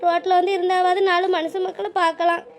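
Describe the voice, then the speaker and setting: A woman's voice: very high voice, flat delivery, a little fast. A woman voicing a weepy old village widow. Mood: weary. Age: older. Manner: tearful, pleading, self-blaming. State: crying.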